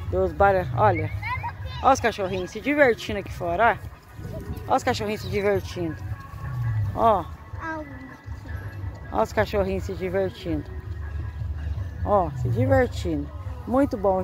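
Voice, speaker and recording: A woman's voice: mid-range voice, normal speed, pauses often, music in the background. A Brazilian woman filming herself outdoors, chatting to viewers and coaxing her pets in a raised sing-song voice. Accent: Brazilian Portuguese. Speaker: vlogger walking her dogs. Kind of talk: casual vlog chat to pets and viewers. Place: outdoors in a garden at dusk.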